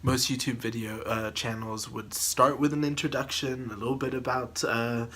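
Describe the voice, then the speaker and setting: A man's voice: medium pitch, steady tone, moderate pace, a bit bright. A man from the Philippines hosting his cooking channel, chatting casually to a camera on a tripod, rambling with restarts and little laughs.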